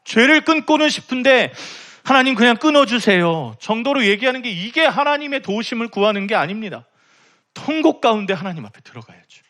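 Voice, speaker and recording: A man's voice: very high voice, animated, fairly quick, bright, forceful tone. A young man preaching a sermon in a church, impassioned and rising to emphatic pleading. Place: church sanctuary.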